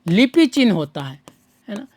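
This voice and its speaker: A woman's voice: medium pitch, big pitch swings, normal speed, a little mellow. A woman teaching a grammar lesson for an exam, who keeps asking rhetorical questions and answering them at once, repeating each key answer.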